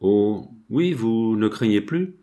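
A gentle, devoted young seamstress speaks softly and tenderly in a low, unhurried tone, read by a man narrating a storybook. The voice stays close to the reader's own. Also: animated.

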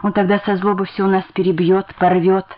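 A woman's voice: medium pitch, level tone, fairly quick, dull audio, close to an everyday voice. A woman voicing a downtrodden young wife in a dramatic reading, agitated and pleading. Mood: weary.

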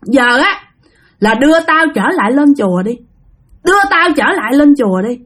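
A woman voicing a hoarse, threatening ghost that has possessed a wife, talking fast and taunting. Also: high-pitched, very animated, a bit bright, exaggerated voice. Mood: demanding. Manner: rapid, raised and taunting.

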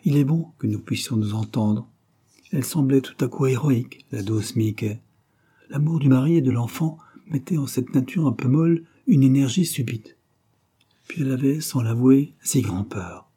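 Husky, dark-voiced male narrator. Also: medium pitch, moderate pace. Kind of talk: audiobook narration of a classic novel.

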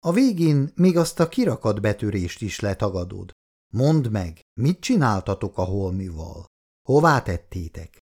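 A man's voice: lowish voice, big pitch swings, a little mellow. A man voicing an earnest grown son who speaks firmly but patiently.

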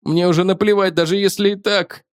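A man's voice: high voice, fairly even intonation, fairly quick, dry recording, pitched above the performer's own voice, natural voice. A queasy young rocket crewman whining in a raised, strained voice, as a male reader puts him on. the recording is dry and close, with no room sound, like a storybook read in a booth. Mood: panicky. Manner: whining, groaning. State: queasy and weak. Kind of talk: audiobook character voice.

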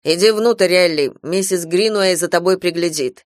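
A woman's voice: on the low side, no room sound, clean studio sound, lightly acted. A woman voicing an anxious, weary father who speaks firmly and reassures in a hurry, in an audiobook. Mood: urgent. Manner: firm, hurried reassurance. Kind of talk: audiobook character voice.

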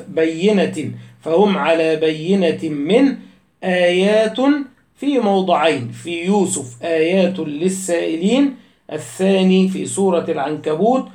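Arabic teacher slowly reciting verse examples. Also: male voice, high-pitched, a little mellow, roomy sound. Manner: slow, deliberate recitation of quoted verses; lists words one by one. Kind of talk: lecture on Quranic spelling and recitation.

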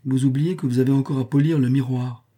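A man's voice: mid-range voice, fairly even intonation, fast, dark tone, breathy edge, pitched above the performer's own voice, natural voice. A man voicing a cold, aloof head maid who answers curtly in a read-aloud novel. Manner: cold, curt.

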